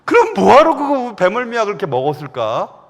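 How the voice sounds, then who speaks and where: A middle-aged man preaching a Sunday sermon, telling stories with sudden loud rises and soft drops. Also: sits high, wildly swooping pitch, fairly quick, big-room sound. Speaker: pastor. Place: large church sanctuary.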